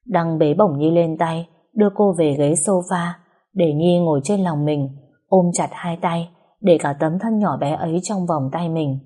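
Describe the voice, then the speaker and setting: A woman narrating a romance audiobook with steady, dramatic storytelling. Her voice sits fairly low, warm and mellow, with a soft breathy texture. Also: measured pace. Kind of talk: scripted narration.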